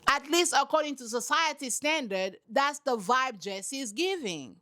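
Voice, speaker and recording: A woman's voice: high voice, unhurried. A woman giving casual reaction commentary on a reality TV show, emphatic and preachy, repeating her points and talking straight to her listeners. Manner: animated, talks straight to her audience.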